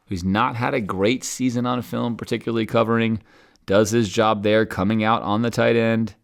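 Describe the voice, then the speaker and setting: A man hosting a podcast, talking through game film in an animated commentary style. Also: deep voice, creaky. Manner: animated, acts out coaches and players in quoted asides.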